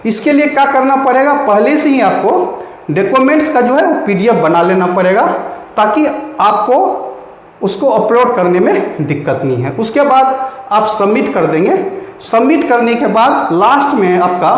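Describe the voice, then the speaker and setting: A man explaining an online application process step by step, addressing viewers as friends. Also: high-pitched. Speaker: explainer of online land-record services. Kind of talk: spoken tutorial. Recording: very echoey room with long reverb.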